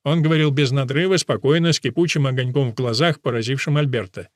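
A man reading a novel aloud as narrator in an even, measured storytelling voice. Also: mid-range voice, no room sound, clean studio sound. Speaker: audiobook narrator. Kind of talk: scripted narration.

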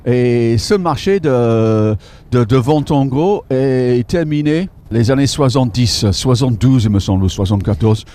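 Man with a dark voice, guiding a tour. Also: mid-range voice. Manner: halting, searches for French words, many fillers. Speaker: local tour guide. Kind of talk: guided walking tour, explaining sights. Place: outdoors in a city street.

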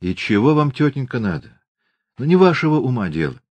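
A man's voice: mid-range voice, very animated, a little fast, no room sound, voice pushed up. A man reading an audiobook and voicing a passionate, impatient young peasant woman who speaks urgently and sharply. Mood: pleading.

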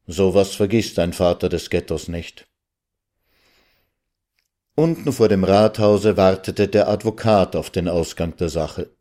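A man narrating classic prose as an audiobook, measured and storytelling. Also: deep voice, mellow.

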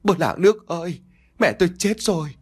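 A man's voice: very animated, normal speed, husky. A man voicing a cruel, scheming middle-aged village wife who wails falsely and snaps sharply. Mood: fake wailing. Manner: shrill wailing, sharp-tongued.

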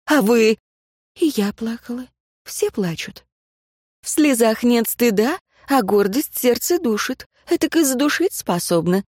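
A woman's voice: on the high side, expressive, measured pace, a little mellow, no room sound, studio quality. A woman voicing a shrewd, homely older village woman who talks in folksy, plain speech. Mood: soothing.

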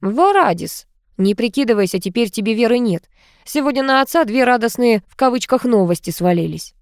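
A woman voicing a stern grown son who calmly accuses his wife, cool and cutting in manner. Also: very high voice, a little fast, clear, resonant tone, no room sound, clean studio sound, voice pushed up. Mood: accusing.

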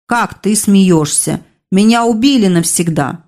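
A woman voicing a drunken, weepy male soldier who mumbles and slurs his words slowly. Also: sits high, darkish tone. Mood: sullen. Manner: slurred, slow mumbling.

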